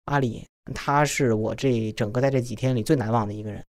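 A man's voice: mid-range voice, steady tone, brisk, darkish tone. A young man in his twenties from China, telling his own story in a plain, unpolished way through a voice changer. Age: 20s. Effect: voice changer disguise. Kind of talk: first-person podcast storytelling.

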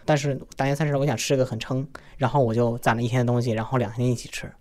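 A man's voice: medium pitch, flat delivery, racing, darkish tone. A young man in his twenties from China, telling his own story in a plain, unpolished way through a voice changer. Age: 20s. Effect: voice changer disguise. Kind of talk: first-person podcast storytelling.

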